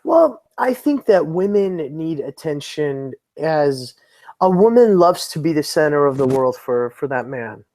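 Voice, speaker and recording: A man's voice: a little high, big pitch swings, measured pace, mellow. A man in his thirties, a guest on a chat show, joking and self-deprecating in easy banter. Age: 30s. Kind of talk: casual chat.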